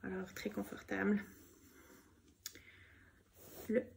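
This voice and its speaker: A woman with a Québécois accent talks through her knitting projects in an unhurried, relaxed way. Her speech is soft and gushing, sprinkled with little fillers. There is a noticeable gravelly fry in her voice. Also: medium pitch, a little hiss or hum. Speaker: knitting vlogger. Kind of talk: casual show-and-tell chat.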